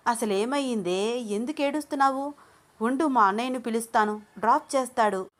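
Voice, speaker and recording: A woman's voice: fairly high pitch, fairly quick, pitched above the performer's own voice, lightly acted. A woman voicing Junnu, a caring young friend who anxiously presses with questions. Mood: worried.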